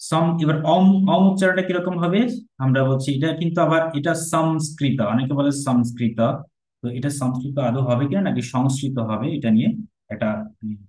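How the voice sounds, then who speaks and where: A man teaching a Sanskrit pronunciation lesson, slowly repeating words and often asking his students whether they follow. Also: medium pitch, fairly even intonation, darkish tone, reverberant, rough recording. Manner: drills words slowly, repeating them, asks checking questions.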